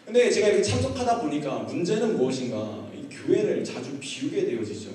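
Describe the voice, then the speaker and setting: A man, a pastor, telling his own story in a sermon, acting out his shouting and then his hushed prayers. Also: fairly high pitch, big pitch swings, brisk, a little hiss or hum. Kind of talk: sermon testimony. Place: church hall. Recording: echoey hall, far from the mic.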